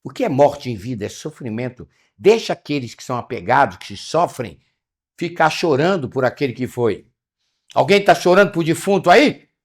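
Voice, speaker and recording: A man's voice: mid-range voice, expressive, moderate pace. A man teaching a spiritual study class. He speaks animatedly, firing rhetorical questions and calling on listeners by name. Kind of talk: interactive spiritual lesson.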